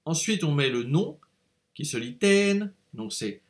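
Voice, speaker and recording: A man gives a language lesson in a slightly high voice, talking slowly and carefully. He explains each point patiently and says words over and over so the tones can be heard. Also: very animated. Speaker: language teacher.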